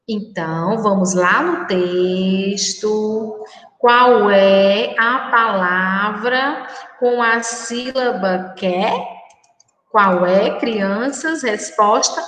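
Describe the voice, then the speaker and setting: A woman with a Brazilian Portuguese accent teaching a remote primary school class in a slow, sing-song manner, addressing the children affectionately. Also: fairly high pitch, fairly bright tone. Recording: echoey room from far off.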